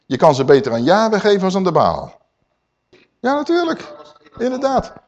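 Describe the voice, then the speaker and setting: A man preaching a sermon, emphatic and swinging between loud and hushed, calling his listeners dear people. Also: sits high, huge pitch swings, normal speed, highs cut off.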